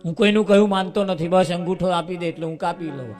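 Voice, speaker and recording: A man voicing a fierce, brutal male demon robber who bellows threats in a high, strained voice. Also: fast, a little mellow, faint music behind, natural voice. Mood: threatening.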